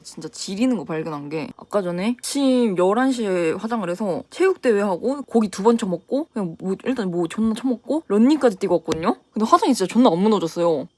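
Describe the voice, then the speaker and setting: A young woman in her twenties chats rapidly while putting on makeup for the camera. She tells her story bluntly, with plenty of swearing. Her voice sits at an ordinary middle pitch, and she quickly mimics the people she is talking about. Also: lively intonation, warm tone. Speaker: beauty vlogger. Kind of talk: casual storytime chat while doing makeup.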